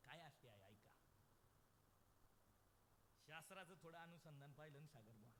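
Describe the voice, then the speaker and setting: A man from Maharashtra preaching a live devotional sermon. He tells the story dramatically, swinging from hushed asides to loud exclamations, and keeps asking the crowd questions before answering them himself. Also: a little high, lively intonation, moderate pace. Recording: echoey hall, faint background noise.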